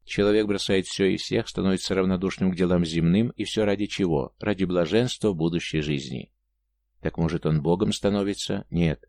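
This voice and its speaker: A man voicing a gloomy, taciturn male warrior who speaks gravely and disapprovingly. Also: sits low, fairly even intonation, a little fast, a little mellow, no echo.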